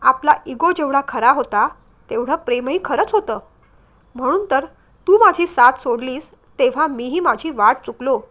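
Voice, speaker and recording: A woman reading a storybook, voicing a firm, concerned divorced young man who scolds gently. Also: high voice, animated, normal speed. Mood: pleading. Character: caring, stern divorced man, young adult.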